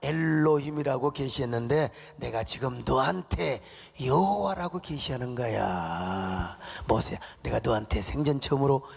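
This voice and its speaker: A man doing God, male deity, deep slow solemn voice, gravelly, echoing sanctuary reverb. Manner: slow, low, declaring. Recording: long church reverb.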